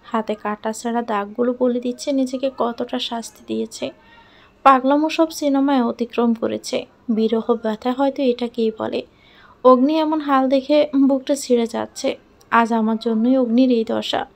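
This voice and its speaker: A woman reads an emotional first-person love story aloud. Her delivery is soft, heartfelt and earnest, in a mellow, slightly high voice with a gravelly edge. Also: steady tone, moderate pace.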